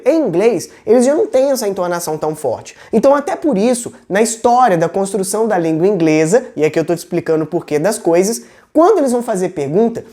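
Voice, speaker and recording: A woman with a Brazilian Portuguese accent gives a video lesson, explaining step by step in a patient, talky way. Her voice sits at an ordinary middle pitch. She keeps pausing to check that the viewer is following. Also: dark tone. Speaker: English teacher.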